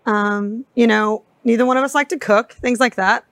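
A woman in her thirties, a real estate agent and mother chatting on a podcast in a talkative, animated way. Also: on the high side, moderate pace, no room sound. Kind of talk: casual podcast conversation.

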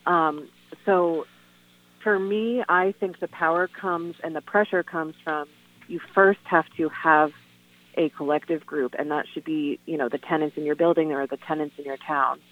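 A woman speaking over the phone as a guest on a call-in radio show, earnest and halting, with lots of "um" and "you know". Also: low-pitched, steady tone. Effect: heard over the phone. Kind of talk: casual radio phone interview. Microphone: telephone. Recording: tinny, dry phone line.

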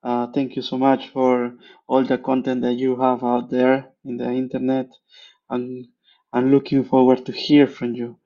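A man from Peru leaving a recorded question for a podcast, halting and polite, with frequent pauses and fillers. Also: medium pitch, completely flat delivery, highs cut off. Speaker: caller.

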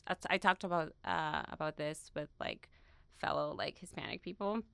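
Chatty young woman from Peru, bright. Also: deep voice, moderate pace, creaky, clean tone, dry recording, clean studio sound. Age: young adult. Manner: chatty, many fillers, laughs often. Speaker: student interviewee. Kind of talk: casual interview.

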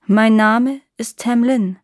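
A woman's voice: a little high, fairly even intonation, slow, no room sound. A woman voicing a young, pale male fairy knight who is stern yet lonely, speaking in a raised, commanding tone in a storybook reading. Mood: gentle. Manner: commanding, louder and raised delivery. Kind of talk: storybook character voice. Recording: dry close recording.

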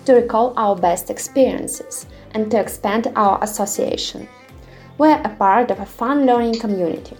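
Russian-born woman co-host, mid-pitched, reading an upbeat prepared intro. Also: darkish tone. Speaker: podcast co-host. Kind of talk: scripted podcast intro.

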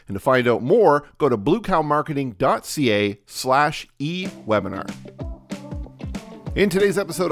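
A man with a cold, his voice slightly nasal and medium-pitched, hosts a solo podcast in a casual coaching style full of fillers and restarts. The sound is clean studio quality with no echo.

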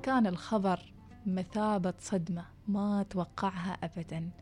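A woman narrating a true story in a soft, hushed voice, sometimes dropping to a whisper. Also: medium pitch, steady tone, moderate pace, faint music behind.

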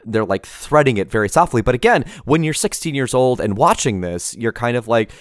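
A man hosting a casual film-discussion podcast, talking in an animated, joking way and swearing freely. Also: mid-range voice, fairly quick, no echo, studio quality. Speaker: podcast host.

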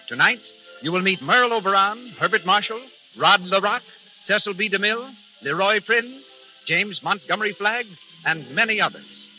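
Male, old radio announcer, very sharp bright voice, formal grand introductions, music, 1930s broadcast sound. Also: high-pitched, animated, moderate pace, poor audio. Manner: declamatory, grandly formal delivery.

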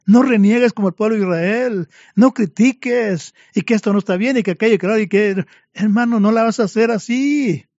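A man's voice: high-pitched, fairly quick, hardly any pauses, a little mellow, no room sound. A man preaching a fervent sermon to his congregation, addressing them again and again as brothers, in a dull lo-fi recording.

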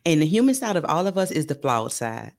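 A woman hosting an interview podcast, talking to her guest and audience in an animated, emphatic way, drawing out key phrases. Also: low voice, brisk. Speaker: podcast host. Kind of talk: casual interview chat.

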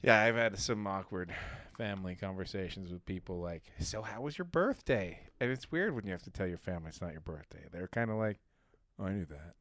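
A man's voice: low-pitched, brisk, fairly bright tone, dry recording. A man co-hosting a casual chat with dry, teasing sarcasm. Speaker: podcast co-host.

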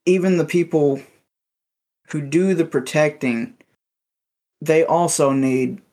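Man playing a character at the table. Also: medium pitch. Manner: explains his character's actions in third person. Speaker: player.

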